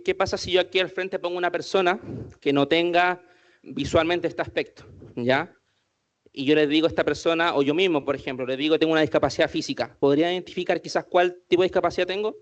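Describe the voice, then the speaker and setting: A man's voice: a little high, highs cut off. A man giving an inclusion workshop to a group, asking the audience many questions as he goes. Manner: asks the audience many questions, says "¿cierto?" often. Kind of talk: interactive talk to a group.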